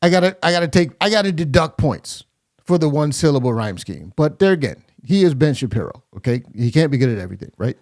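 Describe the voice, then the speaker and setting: A man's voice: fairly high pitch, very animated, fast, darkish tone. Chatty man scatting beats while critiquing. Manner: many fillers and restarts, scats rhythms aloud. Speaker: host reviewing rap verses. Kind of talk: casual reaction commentary.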